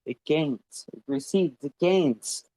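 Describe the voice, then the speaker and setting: Impassioned, profane man ranting slowly. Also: on the high side, mellow, no room sound, poor audio. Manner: passionate, profane, rambling. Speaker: panel guest. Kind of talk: impassioned live audio-room talk. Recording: online audio-room stream.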